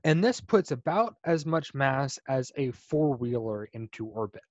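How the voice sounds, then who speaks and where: A man giving a casual slide lecture about rockets on a video call, relaxed and explanatory, with frequent ums and restarts. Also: medium pitch, a little slow, no room sound. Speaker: guest speaker presenting on spacecraft engineering. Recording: dull, dry video call audio.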